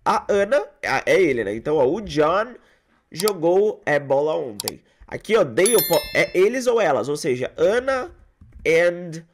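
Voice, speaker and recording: A man with a Brazilian accent teaching an online English lesson, talking to viewers directly and saying the English example phrases slowly. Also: a little high, big pitch swings, slight background noise. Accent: Brazilian Portuguese. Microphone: close microphone.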